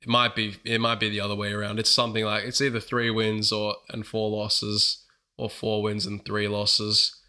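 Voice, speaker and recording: A man's voice: on the low side, monotone, normal speed, pushed and bright, clean tone. A man hosting his gaming channel, chatting casually through strategy commentary while a bit sick. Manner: chatty, upbeat, self-correcting.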